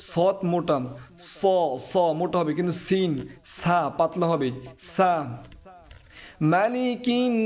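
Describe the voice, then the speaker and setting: A man with a Bangladeshi Bengali accent teaching Quran recitation, chanting verses slowly and drawn out, then explaining pronunciation in quick speech. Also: high-pitched.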